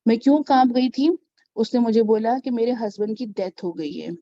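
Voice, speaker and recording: A woman with a fairly high, warm and mellow voice talks through a casual advice vlog, telling stories to her followers. She keeps checking in with the listener and acts out the people in her stories. The sound is dry and a little dull, like a lo-fi home recording. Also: lively intonation, moderate pace, no echo. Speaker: network marketing mentor.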